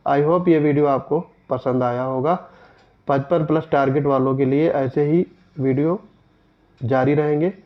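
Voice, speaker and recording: A man's voice: fairly high pitch, steady tone, unhurried, lo-fi sound. A male teacher going through mock test questions, reading each sentence and then correcting it in a methodical way. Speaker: exam coaching teacher. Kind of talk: explaining mock test answers.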